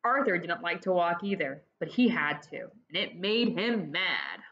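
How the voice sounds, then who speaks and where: A lively teacher reads a children's storybook aloud to her pupils from a home dining room, speaking at a measured pace in a voice on the low side. She's expressive and explanatory, addressing the children directly, and the webcam audio is dull and lo-fi.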